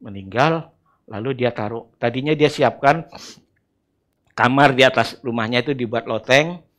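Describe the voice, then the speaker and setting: A middle-aged man with an Indonesian accent preaching a sermon, telling the story in a lively way and breaking into acted voices. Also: medium pitch, moderate pace. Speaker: church elder preaching.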